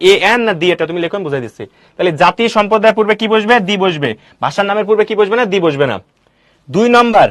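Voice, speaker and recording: A male teacher giving a classroom grammar lecture, quizzing students with quick questions and answering them himself. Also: high-pitched, a bit bright, no room sound, studio quality.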